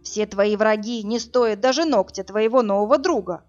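Дерзкий громила-спаситель, которого читает женщина. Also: female voice, mid-range voice, a little mellow, natural voice. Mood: brusque. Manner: brusque, mocking, hurried. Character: burly male rescuer, cocky and brusque. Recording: dull lo-fi audio, faint music.

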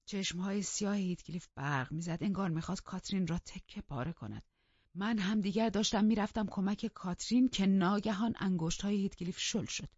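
A woman narrating an audiobook in a steady storytelling manner, in a dull lo-fi recording. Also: on the low side, vocal fry, breathy edge, dry recording. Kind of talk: scripted narration.

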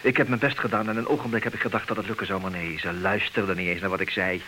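In an old Dutch radio drama, a man plays a hesitant, resigned husband who knows his wife has been unfaithful, stammering and repeating words in a brooding mood. His voice sits on the low side, steady in tone, and he talks fast. The acting is light, and the background is noisy.

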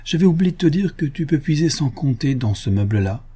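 A man playing a devoted older father who turns indignant and forceful when roused. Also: fairly high pitch, animated, brisk, breathy edge, voice pushed up. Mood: indulgent.

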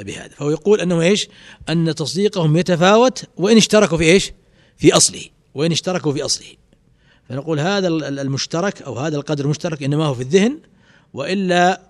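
Quick-talking sheikh lecturing. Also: male voice, a little high. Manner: quizzing students with rhetorical questions. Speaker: sheikh teaching a creed text. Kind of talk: classroom commentary on a text.

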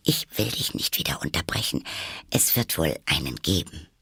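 A man's voice: medium pitch, wildly swooping pitch, fairly bright tone, husky, no room sound, studio quality, voice pushed up, full character voice. A man reading a storybook aloud, voicing the curious, touchy girl Alice in a raised, half-whispered voice. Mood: indignant. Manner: earnest, quick to protest.

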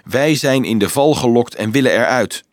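A man's voice: mid-range voice, lively intonation, moderate pace, no room sound, natural voice. A brave teenage boy from a storybook, earnest and pleading, his voice pushed up and raised above ordinary talk, as a male reader puts him on. The sound is dry and close, with no room around it.

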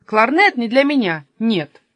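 A proud, hearty robber bragging about his music, as a woman reading a storybook puts him on. The voice sits a little high and swings lively up and down. The sound is close and dry. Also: unhurried, no room sound. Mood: boastful. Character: boastful good-natured male robber, musician.

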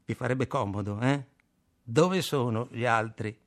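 A man's voice: medium pitch, measured pace, natural voice. Guy doing a dazed stubborn army cook, dull, wont budge, audiobook voice. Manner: dull, obstinate, flat.

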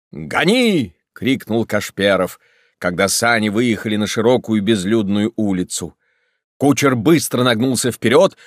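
A man narrating a story as an audiobook in an expressive, dramatic reading style. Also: medium pitch, dry recording, studio quality. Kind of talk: scripted narration.

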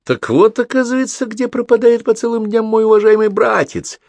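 A man's voice: high-pitched, a little fast, darkish tone, no room sound, pitched above the performer's own voice. A man voicing a strict, bossy older schoolboy in an audiobook reading. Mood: stern. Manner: strict, commanding.

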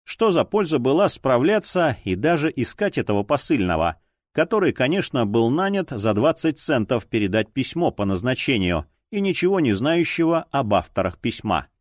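Male narrator, detective audiobook, measured expressive reading, animated pitch, dry sound. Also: dry recording. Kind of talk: scripted narration.

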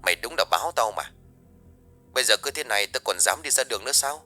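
A man voicing an anxious middle-aged mother on the phone who scolds her son in a hushed, rapid complaint. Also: lowish voice, expressive, faint music behind. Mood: exasperated.

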